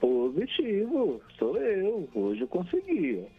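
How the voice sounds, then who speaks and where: A man's voice: high-pitched, huge pitch swings, takes it slowly, husky. A Brazilian man calling in to a radio show over a crackly phone line that keeps cutting out. He chats cheerfully, laughs often and reels off long lists of names. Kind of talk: casual chat and shout-outs on air. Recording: tinny phone line with faint music.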